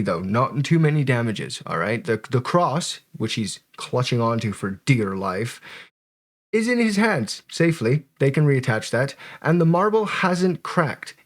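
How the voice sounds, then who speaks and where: A man giving casual, joking and sweary commentary as he reacts to footage. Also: mid-range voice.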